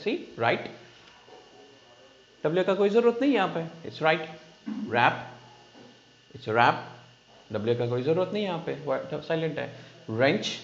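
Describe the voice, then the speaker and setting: A man with an Indian English accent teaching spoken English in a slow, repetitive classroom manner, mixing English and Hindi and often asking "understand?". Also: medium pitch, slight background noise. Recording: echoey room, dull lo-fi sound.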